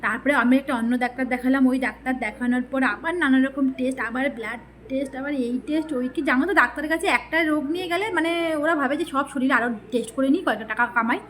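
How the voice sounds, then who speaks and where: A woman's voice: high voice, racing, few pauses, a bit bright, a little hiss or hum. A woman talking casually to her viewers, rambling and chatty with many fillers and restarts. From West Bengal, India. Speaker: lifestyle vlogger.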